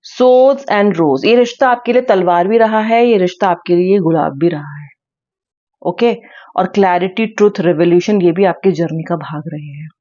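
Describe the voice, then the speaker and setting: A woman's voice: lowish voice, normal speed, dark tone, dull audio. A woman giving a tarot reading to her viewers, speaking earnestly and repeating her key words. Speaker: tarot reader.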